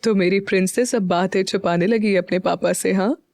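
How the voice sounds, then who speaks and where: A woman voicing a gentle, doting middle-aged father who speaks softly and affectionately. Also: medium pitch, steady tone, moderate pace, no room sound, studio quality, close to an everyday voice. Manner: soft and affectionate.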